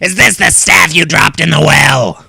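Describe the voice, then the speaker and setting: A gravelly, angry little troll. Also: male voice, a little high, a little slow, no room sound, faint music behind, pitched above the performer's own voice, full character voice. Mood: sly. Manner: snarling and shouting. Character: angry, greedy, sly little male troll. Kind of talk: storybook read-aloud.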